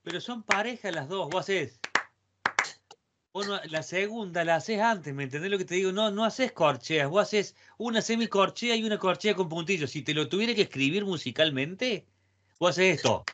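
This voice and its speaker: Over a video call, an Argentine-accented guitar teacher gives a lesson in a high-pitched, expressive voice at normal speed. Heavy background noise and guitar playing accompany him as he coaches the student and counts rhythms by chanting repeated syllables.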